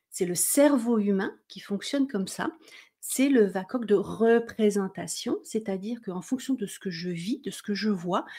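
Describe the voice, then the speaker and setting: Middle-aged female coach, warm low-key tone, chatty teaching delivery, frequent check-ins. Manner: conversational, checks in with "d'accord?", acts out inner worries. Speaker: mindset coach. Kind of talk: explanatory coaching talk.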